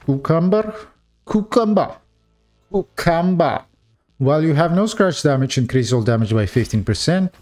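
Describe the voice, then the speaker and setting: A young man giving casual gameplay commentary, talking straight to his viewers with frequent excited exclamations. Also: mid-range voice, brisk, hardly any pauses, soft background music.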